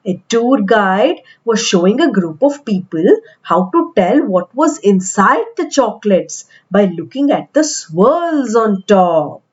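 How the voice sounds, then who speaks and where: With a mid-range voice, a woman reads aloud from a picture book for small children in a deliberate, expressive storytelling way, though the audio is dull.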